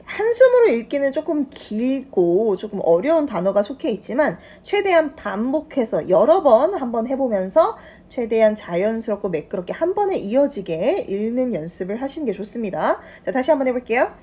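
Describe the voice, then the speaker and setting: A woman's voice: fairly high pitch, very animated, normal speed, few pauses, warm tone, breathy edge. A woman with a Korean accent, teaching an English lesson and explaining phrases patiently, step by step.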